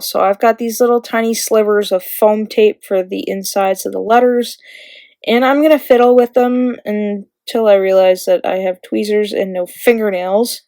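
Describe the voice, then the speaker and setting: Woman, crafting tutorial voice-over, chatty, giggly, self-correcting, mid pitch, dry close sound. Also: darkish tone, no room sound. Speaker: card-making crafter.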